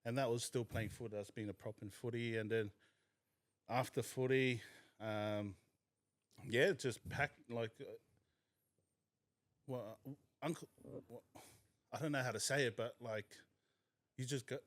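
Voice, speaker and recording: A man's voice: medium pitch, fairly even intonation, measured pace, long pauses, no echo. A young man from New Zealand, talking candidly and thoughtfully as a podcast guest. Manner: candid, reflective. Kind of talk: casual chat.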